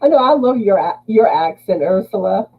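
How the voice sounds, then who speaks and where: A woman with a Southern US accent hosts a casual livestream chat, laughing often as she reads out viewers' names. Her medium-pitched voice is animated, creaky and slightly rough at a normal speed, with phone-quality sound.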